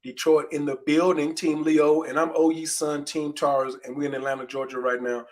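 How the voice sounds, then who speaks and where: A man's voice: a little high, little pitch movement, brisk. A man hosting a casual livestream, easygoing and greeting viewers in the chat. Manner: easygoing, gives viewers shout-outs. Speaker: host.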